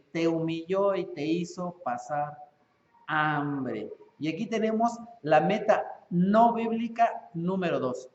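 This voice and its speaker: A man with a Mexican accent preaching a sermon as pastor, animated and acting out parents and children. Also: high voice, a little hiss or hum. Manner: animated, acts out parents and children in quick voices. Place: church. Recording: echoey lo-fi church hall recording.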